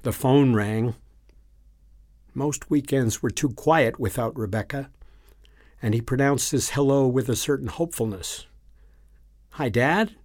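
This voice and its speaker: A man's voice: mid-range voice, no room sound. Man narrating a story, dry close sound. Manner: even, unhurried reading.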